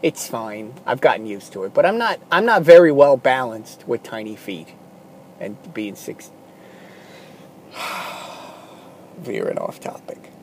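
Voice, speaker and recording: A man delivering a rambling, self-deprecating comic monologue, jumping between loud bits and low mumbled asides. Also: big pitch swings, measured pace, long pauses, husky.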